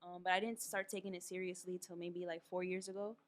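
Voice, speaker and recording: A young woman from Queens, New York, talking as a podcast guest. Her voice sits low and stays level, with little rise and fall. She tells her story in a relaxed, easygoing way with plenty of "um"s. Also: slight background noise. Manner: relaxed, unhurried storytelling with fillers. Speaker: guest artist. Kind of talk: casual podcast interview.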